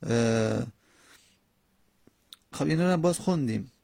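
Gravelly husky male teacher. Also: medium pitch, animated, warm tone, dry recording, clean studio sound. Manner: reads a text line by line and explains it, slow drawn-out example words. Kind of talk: classroom grammar lesson.

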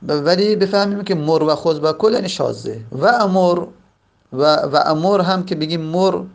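Gravelly man teaching grammar step by step. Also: high-pitched. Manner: explains step by step, repeats and draws out example words slowly. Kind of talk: classroom lesson.

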